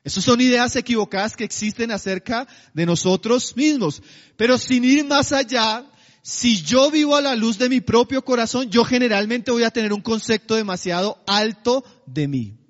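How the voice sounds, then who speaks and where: A man preaching a sermon, asking his congregation rhetorical questions and slowing down to stress key phrases. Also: extremely high pitch, in a large hall, highs cut off. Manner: slows to a drawn-out, emphatic cadence on key phrases.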